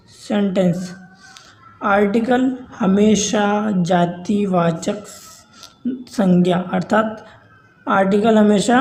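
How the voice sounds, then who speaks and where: A man's voice: sits high, a little mellow, rough recording. A man teaching a grammar lesson, who poses questions and answers them himself and keeps checking in with his listeners.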